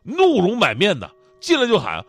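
A man's voice: sits high, normal speed, dry recording. Joking guy, voice swings up and down a lot, dry close sound. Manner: animated, joking, laughing often. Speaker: host. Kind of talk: comedic storytelling.

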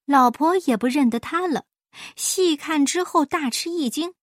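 A woman reading a children's folk story aloud in an expressive, measured way. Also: sits high, no room sound, clean studio sound.

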